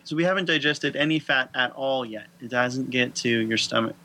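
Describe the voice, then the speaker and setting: A man's voice: mid-range voice, sharp tone. A man co-hosting a health talk, walking step by step through how digestion works in a casual, lightly joking way. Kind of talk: casual explanatory chat.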